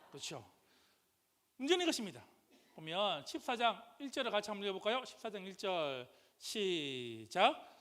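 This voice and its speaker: A man preaching a sermon as pastor, questioning the congregation call-and-response style and rising to loud, impassioned outbursts. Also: high voice. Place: church sanctuary. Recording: church hall reverb.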